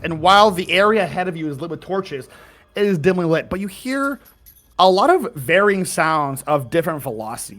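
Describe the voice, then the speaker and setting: Man narrating as game master. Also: on the high side. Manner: dramatic, hushed narration with sudden drops in volume.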